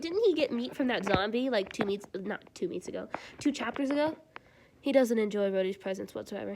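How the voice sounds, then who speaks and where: Chatty, animated woman reading aloud. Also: medium pitch, slight background noise. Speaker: streamer. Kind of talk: live reading and reacting to fan fiction.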